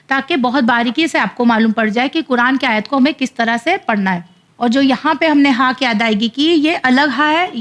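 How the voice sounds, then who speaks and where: High-voiced woman teaching Quran reading. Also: fairly bright tone. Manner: spells letters and vowels out slowly, then explains rapidly. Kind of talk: slow syllable-by-syllable spelling drills between fast explanations.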